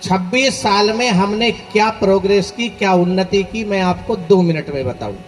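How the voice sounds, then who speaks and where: A man's voice: sits high, darkish tone, long reverb tail. A male preacher telling folksy stories to his listeners in a sermon, speaking to them directly and leading call-and-response. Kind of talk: sermon storytelling.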